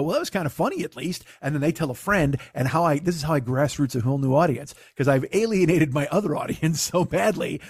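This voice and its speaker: A man hosting a podcast with a hoarse, gravelly voice as if gargling broken glass, ranting casually and comically with swearing and self-mockery. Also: on the high side, no echo, clean studio sound. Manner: ranting, foul-mouthed, self-deprecating. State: hoarse after losing voice. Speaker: podcast host. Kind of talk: casual comedic monologue.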